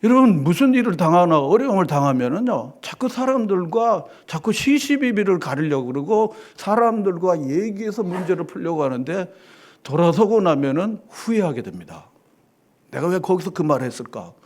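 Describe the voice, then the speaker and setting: Fervent male pastor, lively high voice. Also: moderate pace. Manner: fervent preaching, rising and dropping dramatically. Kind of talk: sermon.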